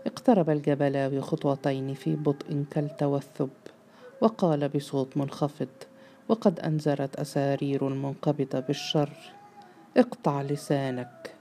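امرأة تروي رواية بقراءة متزنة منتظمة. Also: female voice, low-pitched, fairly even intonation, normal speed, warm tone, a little hiss or hum. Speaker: narrator. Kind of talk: scripted narration of a novel.

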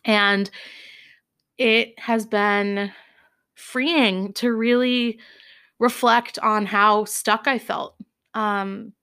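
A woman's voice: mid-range voice, fairly even intonation, drawn-out words, pauses often, sharp tone, clean tone. A young adult woman hosting a reflective solo podcast from home, speaking candidly with frequent laughs and fillers. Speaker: podcast host. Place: home, studio apartment.

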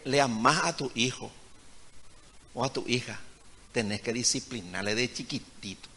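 A man preaching a sermon as a pastor, swinging between hushed asides and loud, emphatic points. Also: medium pitch. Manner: retells conversations as acted dialogue. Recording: long reverb of a large hall.

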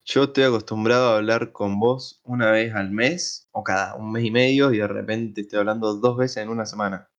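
A man with a Rioplatense accent and a low voice banters casually, tossing in curses and jokes. His audio comes through muffled, like a lo-fi online call. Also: fairly even intonation, normal speed, few pauses. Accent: Rioplatense Spanish. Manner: joking, swearing banter. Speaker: podcast co-host. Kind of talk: casual chat.

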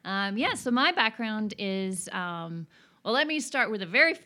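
A woman's voice: medium pitch, expressive, normal speed, sharp tone. A woman in her forties from Norway, a guest telling her career story in an interview, thoughtful with frequent fillers. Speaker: guest, consultant. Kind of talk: conversational interview.

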